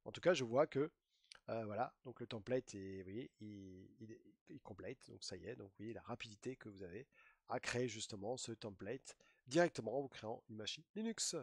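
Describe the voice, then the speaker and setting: A man's voice: on the low side, moderate pace, gravelly, dry recording. A man giving a chatty screen-share tutorial, walking through steps with many fillers and playful asides. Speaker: IT trainer.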